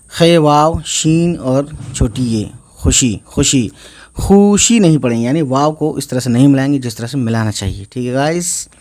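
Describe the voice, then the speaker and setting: Man slowly spelling out Urdu words. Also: mid-range voice, a little mellow. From India. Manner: slow, spells out letters and repeats each word; frequent "guys" and "okay" check-ins. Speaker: Urdu teacher. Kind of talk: online reading lesson.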